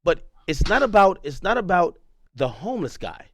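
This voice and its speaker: A young man arguing heatedly in a podcast confrontation, animated and interrupting, repeating himself. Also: high-pitched, moderate pace, dry recording. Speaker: streamer confronting a podcast host. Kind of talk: heated argument.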